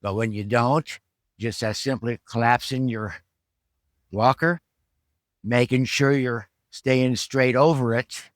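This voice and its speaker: A man in his seventies talks through things in an informal, instructional way. His pitch sits in the middle of the male range, and he explains plainly, like a trainer. The sound is dry, with very little room echo. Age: 70s. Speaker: fitness trainer and rehab vlogger. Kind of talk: informal instructional vlog talk. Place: at home.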